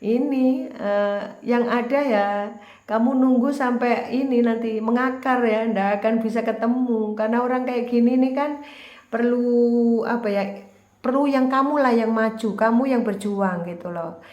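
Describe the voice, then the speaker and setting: A woman's voice: on the high side, steady tone, normal speed, a little mellow, dull audio. A woman giving a casual tarot reading, talking straight to the viewer in a chatty, repetitive way. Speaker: tarot reader. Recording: roomy echo.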